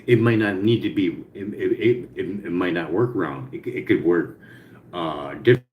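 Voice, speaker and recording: A man with a low voice casually brainstorms aloud to an AI chat, rambling, repeating himself, and cursing freely. Missing teeth soften his articulation, and he speaks at a moderate pace. The muffled recording has a roomy echo and faint background noise.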